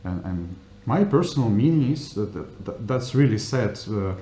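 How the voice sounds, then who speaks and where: A man giving spontaneous interview answers in halting English, searching for words. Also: lowish voice, lively intonation, mellow. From Russia. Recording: echoey room with faint noise.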